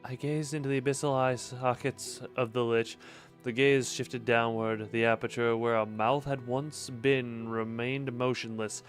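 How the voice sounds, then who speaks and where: A man plays through a story game and reads it out loud. His voice is mid-pitched, with dramatic narration broken by joking asides, over soft music. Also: steady tone, unhurried. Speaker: game player reading dialogue aloud.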